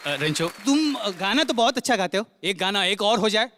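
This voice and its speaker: A man's voice: sits high, animated, moderate pace, bright, forceful tone, slight background noise. A male ventriloquist comedian on stage, coaxing and scolding his puppet like a naughty child.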